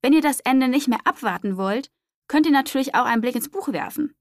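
A woman's voice: sits high, expressive, a little fast, dry recording, studio quality. A woman hosting a children's story podcast, giving a chatty outro. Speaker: podcast host. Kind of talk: friendly outro announcement.

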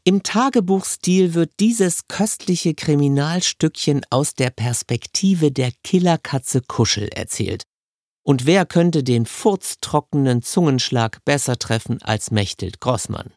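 A man's voice: fairly high pitch, lively intonation, unhurried, darkish tone, no room sound, studio quality. A man hosting an audiobook show, giving a chatty, scripted presentation with light amusement. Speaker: podcast host presenting audiobooks.

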